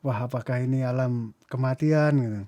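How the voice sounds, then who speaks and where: Brief: male interview guest, mellow and reflective, acts out quotes within his story. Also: medium pitch, fairly even intonation, normal speed, highs cut off. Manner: reflective, mixing in English phrases, acting out dialogue. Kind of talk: recounting a personal story in conversation.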